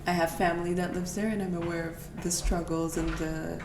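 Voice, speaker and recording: A Portuguese woman hosts a podcast interview in a lowish, flat, brisk voice, reflecting and thinking aloud in casual conversation. The recording is roomy, distant and noisy, with faint music behind her.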